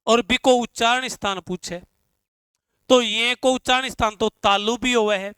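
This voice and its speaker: A male Sanskrit teacher, drawing out syllables slowly as he asks his class questions and answers them himself. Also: very high-pitched, sharp tone, clear, resonant tone, no echo. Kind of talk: classroom lesson on pronunciation.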